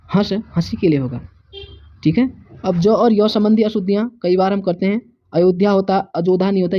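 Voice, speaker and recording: An earnest teacher works through an exam-prep spelling lesson, repeating each correct and wrong form in steady, mid-pitched tones. The sound is a little muffled and lo-fi. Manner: earnest, stressing exam importance. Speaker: Hindi teacher. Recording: slightly dull lo-fi audio.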